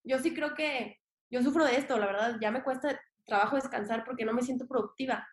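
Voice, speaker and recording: A young woman with a Mexican accent speaks high and bright, talking casually as a podcast guest. She is expressive and slangy and slips into little voices for her own thoughts. The room around her rings with noticeable echo. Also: a little fast. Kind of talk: casual conversation. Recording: echoey room.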